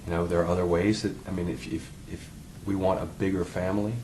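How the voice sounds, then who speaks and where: A man acts out an earnest husband in couples therapy, with a deep voice. He speaks haltingly and tries to reassure, in a role play recorded over clear background noise. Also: level tone. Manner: halting, fumbling for words.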